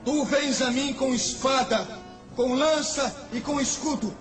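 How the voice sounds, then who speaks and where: An actor playing a brave, devout young shepherd in a radio play, earnest and declamatory. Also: male voice, medium pitch, moderate pace, over music, close to an everyday voice. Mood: defiant, declamatory. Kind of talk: dramatized radio play acting.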